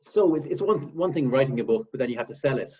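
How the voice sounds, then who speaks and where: A man's voice: medium pitch, animated, quick pace, warm tone, husky. A man hosting an interview, asking brief, encouraging questions. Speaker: interviewer, podcast host. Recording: distant muffled dull call audio.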